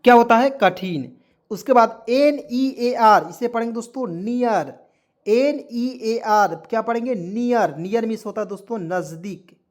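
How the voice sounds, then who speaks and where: A man's voice: extremely high pitch, a little slow. A man teaching English words in a lesson, spelling each one letter by letter, repeating it and asking the viewers questions. He speaks with a tinge.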